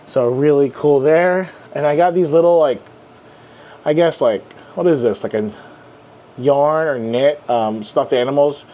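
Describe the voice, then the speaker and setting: A man's voice: a little high, a little slow, mellow. A young man giving a casual desk tour in a chatty, rambling way with lots of fillers. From Filipino heritage. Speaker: comic channel host.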